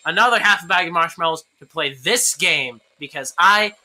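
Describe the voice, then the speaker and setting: Very bright, goofy let's-play woman. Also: fairly low pitch, animated, normal speed. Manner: goofy, jokey rambling with frequent laughs. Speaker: gameplay YouTuber.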